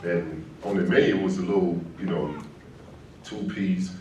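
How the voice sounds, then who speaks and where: A man's voice: sits low, steady tone, a little slow. A man speaking as a former player, giving a casual, rambling tribute speech at an awards ceremony with lots of "you know" fillers. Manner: rambling and conversational, many "you know" fillers, laughs between phrases. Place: indoor event hall. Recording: echoey hall, heard from a distance, faint room noise.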